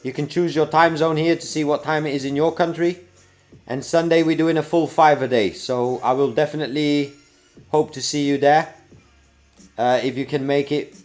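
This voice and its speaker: Here a Belgian streamer talks to his viewers in a medium-pitched, darkish voice that stays steady at a moderate pace, soft music in the background. Working from his home desk setup, he keeps the chat upbeat even though he hasn't slept, and his accent draws on UK, New Zealand and American speech.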